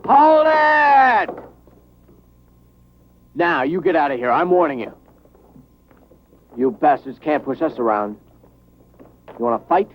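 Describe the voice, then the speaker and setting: A man's voice: fairly high pitch, very animated, heavily acted. A man dubbing a tough young factory worker who stands his ground, heard from a worn VHS tape copy of the film. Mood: defiant. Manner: slow, defiant challenging. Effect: worn VHS tape copy of a dubbed film. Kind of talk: English film dub acting. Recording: hissy, muffled worn tape dub.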